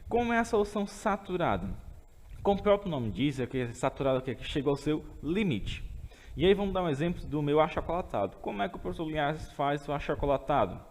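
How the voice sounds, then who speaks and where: A man's voice: a little high, very animated, quick pace, darkish tone, big-room sound. A man teaching a remote chemistry lesson with a Brazilian Portuguese accent. He explains step by step and often checks in with his students. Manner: explains step by step, keeps asking "tá certo?".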